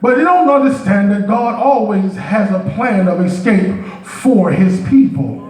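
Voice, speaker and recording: A man preaching a sermon as a deacon, moving from calm teaching to shouted, half-sung cries and slowly stretched phrases. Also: high-pitched. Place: church sanctuary with congregation. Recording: echoey church from far off, with faint music and crowd.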